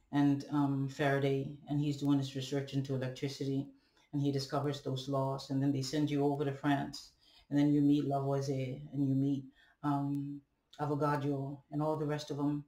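A young adult vlogger from Ghana, with a Ghanaian accent and a warm, somewhat high voice, speaks a halting, deliberate, reflective monologue to a webcam. He often checks in with rhetorical questions and the tag "right?", filmed at a distance in an echoey home room with bare walls and a ceiling fan.

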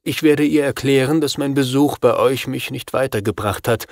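A man's voice: medium pitch, moderate pace, vocal fry, no echo, studio quality, lightly acted. A man reading an audiobook, voicing a desperate, anxious father who fears for his son. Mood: worried. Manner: anxious, agitated. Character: worried middle-aged father, desperate, pleading.

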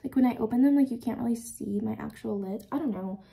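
A beauty vlogger in her twenties from the United States chats casually while doing her makeup in a small indoor room with a plain backdrop, a get-ready-with-me style talk. Her voice sits on the high side with a dark tone and vocal fry, and she talks quickly. She's chatty and rambling, filling her speech heavily with "like."

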